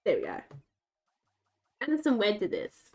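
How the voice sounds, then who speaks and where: A woman streams a game, chatting casually and rambling to herself and her in-game dogs. Her naturally scratchy voice sits at medium pitch with huge swings and normal speed. The recording has its highs cut off, with faint music behind her.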